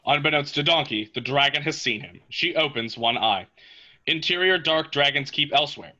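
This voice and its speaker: A man's voice: on the high side, expressive, normal speed, bright, forceful tone, dull audio. A man reading stage directions as scripted narration between the characters' lines.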